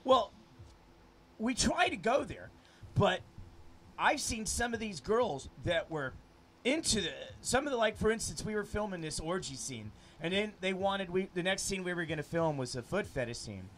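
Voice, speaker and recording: A man with a high-pitched voice rambles through an interview, crude and quick to laugh. Faint noise hums behind him. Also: very animated, fairly bright tone. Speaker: adult film producer. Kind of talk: casual interview chat.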